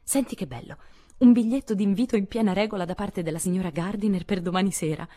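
A woman's voice: on the low side, animated, brisk, dark tone, voice pushed up. A woman reading an audiobook, voicing a fussy, proper sixteen-year-old girl who frets about appearances. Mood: excited. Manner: anxious, insistent about appearances.

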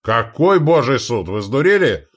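A man voicing a blustering, irritable and cowardly middle-aged duke in an audiobook, talking in an indignant shout. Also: mid-range voice, very animated, unhurried. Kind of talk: audiobook character voice.

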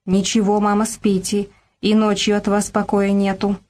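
A woman's voice: medium pitch, unhurried, a little mellow, close to an everyday voice. An exhausted working mother scolds in a hissing, clipped voice, as a woman narrator plays her. She is bitter and worn down, a figure from a gritty audiobook drama. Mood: irritated. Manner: hissing through teeth, tearful.

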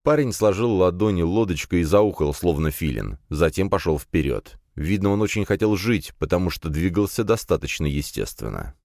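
A man's voice: sits low, expressive, normal speed, few pauses, darkish tone, dry recording, studio quality. A man reading a fantasy audiobook in the first person, telling the story expressively. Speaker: audiobook narrator.

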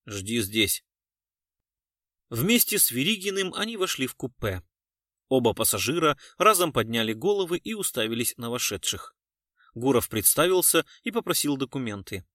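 A male audiobook narrator reading in an even, measured style at a middle pitch. He is close on the mic in a dry, dead room. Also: dry recording. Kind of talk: scripted narration.

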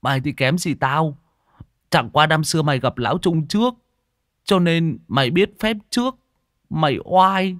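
A brash young rascal brags in a raised, loud voice, as a man puts him on. His teasing lines bounce around, and the reading sounds dry and close. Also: on the high side, expressive, normal speed, dry recording, pitched above the performer's own voice. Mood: boastful. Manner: boastful, teasing. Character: cocky, food-obsessed young man, boastful.

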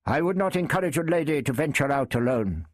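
A man's voice: on the high side, animated, brisk, dry recording, studio quality, pitched above the performer's own voice. A man voicing a young English knight who reasons firmly and earnestly. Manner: firm, earnest, argumentative.

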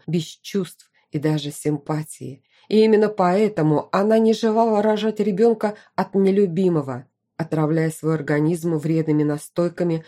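Woman narrator, audiobook, lowish voice, dark mellow tone. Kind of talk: scripted narration.

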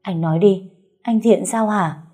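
A woman voicing a polite, anxious young wife, speaking in a soft, deferential way. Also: mid-range voice, unhurried, soft background music, lightly acted.

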